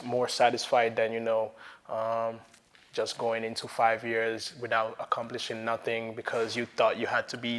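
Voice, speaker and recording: Young guy from nigeria raised in italy, chill rambling interview talk, pretty flat tone, lots of "you know". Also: mid-range voice, a little hiss or hum. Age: young adult. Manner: relaxed, rambling, many fillers and "you know". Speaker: interview guest, sneaker developer.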